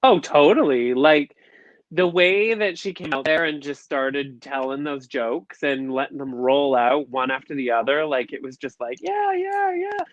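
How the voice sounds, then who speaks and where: A man co-hosting a casual review chat, effusive and animated, on a video call mic. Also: mid-range voice, normal speed, no room sound. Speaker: co-host. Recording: dull lo-fi dry sound.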